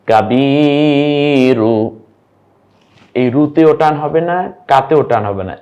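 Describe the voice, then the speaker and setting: A young male teacher gives a patient recorded lesson. He draws out each syllable slowly and keeps asking the listener to say it first. His voice sits at an everyday middle pitch. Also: darkish tone, dull audio. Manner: patient, drawn-out syllables, quizzing the viewer. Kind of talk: online lesson on reading Arabic vowel marks.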